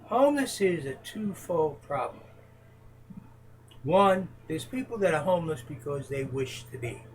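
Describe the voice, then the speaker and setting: A man's voice: on the high side, big pitch swings, a little slow, a little hiss or hum, rough recording. A man answering interview questions as a presidential hopeful in a casual home chat, earnest and emphatic.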